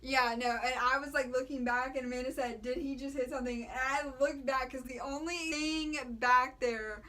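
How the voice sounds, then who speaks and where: A young American woman chatting casually as a vlogger, telling a story in an animated, slangy way and quoting the dialogue. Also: high voice, moderate pace. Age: young adult. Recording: clear background noise.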